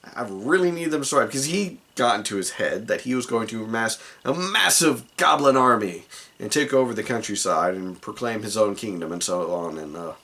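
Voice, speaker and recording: A man's voice: fairly low pitch, animated, moderate pace, sharp tone. A man recounting a tabletop game session as the dungeon master, rambling with many asides. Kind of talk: casual tabletop game recap.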